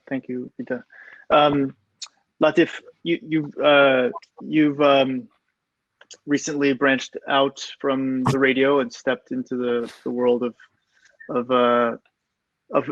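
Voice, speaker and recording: A man moderates a panel over a video call, his voice flat and even. He stumbles and repeats words as he introduces the next speaker. The call audio is dull and muffled, with a dry, close sound. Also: medium pitch, measured pace, dry recording.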